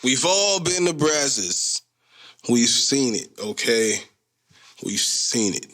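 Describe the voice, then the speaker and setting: With big pitch swings around a medium register, this thirtysomething man speaks slowly and sharply. He's hosting a solo podcast, and the chat is loose, full of slang, jokes and tangents.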